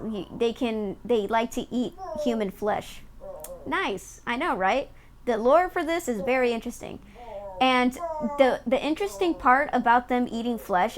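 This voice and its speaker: A woman game streamer reading on-screen story text aloud and chatting in an amused way as she explains it. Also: fairly high pitch. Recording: faint background noise.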